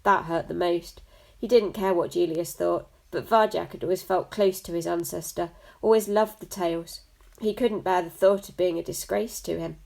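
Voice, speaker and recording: Woman narrator, storybook reading, lowish voice, gravelly texture, acts out voices. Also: fairly even intonation, normal speed, darkish tone. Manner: voices the characters with shifts in pitch. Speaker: narrator reading a children's novel. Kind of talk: storybook read-aloud.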